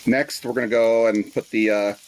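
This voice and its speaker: A Filipino-born cooking channel host in his forties speaks with a mid-range voice, chatting relaxedly on his windy front patio during a cooking vlog. He fills gaps with "uh" and slips in Tagalog phrases. Bluetooth earbuds and a cell phone pick up noisy outdoor audio with wind, a sizzling wok and stirring.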